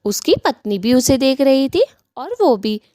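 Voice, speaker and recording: Lady telling a cartoon story, steady and plain, dry close sound. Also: high-pitched, a little slow, dry recording. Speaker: narrator. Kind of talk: storytelling narration.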